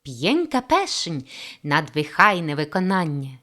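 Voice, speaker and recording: A woman's voice: low voice, sing-song, measured pace, fairly bright tone, heavily acted. A woman voicing a stiff, polite middle-aged male clerk with a Polish accent, formal and stilted. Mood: whispery polite.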